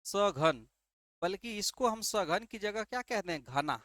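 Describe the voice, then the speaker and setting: In a dry, studio-quality recording, a man teaches an exam-prep lesson in a high, animated, fairly bright voice at an unhurried pace. He asks rhetorical questions, answers them, repeats key terms, and checks in with "ठीक है".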